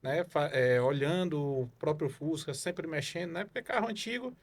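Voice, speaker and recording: On a casual podcast interview, a guest from Salvador, Bahia, Brazil, a car evaluation consultant, describes his career in a meandering way, heavy on fillers and tag questions. His voice is fairly high and expressive, and he speaks at normal speed.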